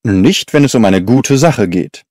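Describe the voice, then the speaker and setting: Watson, a guy doing a calm loyal gent, low steady earnest answers, mellow dry sound. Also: a little slow, no room sound. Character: Dr. Watson, calm loyal middle-aged man.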